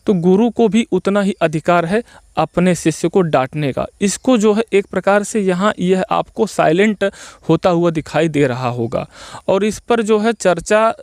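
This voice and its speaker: A man giving spoken opinion commentary as a video host, arguing his case point by point and pausing often on repeated filler phrases. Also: sits high, darkish tone, dry recording, studio quality. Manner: argumentative, explains point by point.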